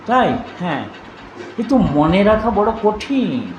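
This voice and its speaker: Older male preacher, high voice, anecdotal and reproving, roomy recording with light noise. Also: big pitch swings, takes it slowly. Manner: anecdotal, scolding, switching between narration and quoted voices. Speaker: monk giving a religious discourse. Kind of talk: storytelling sermon. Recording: echoey room with faint ambience.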